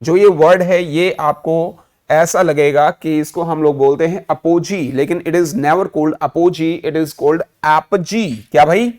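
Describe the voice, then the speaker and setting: A man with an Indian accent teaching a vocabulary lesson, mixing Hindi and English. He keeps firing quick questions at the class and answering them himself. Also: a little high, steady tone, darkish tone.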